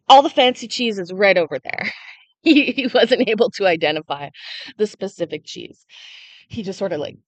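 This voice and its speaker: A young woman hosts a casual livestream, chatting freely and responding to viewers' comments as they arrive. Her voice is medium-pitched and the recording is dry.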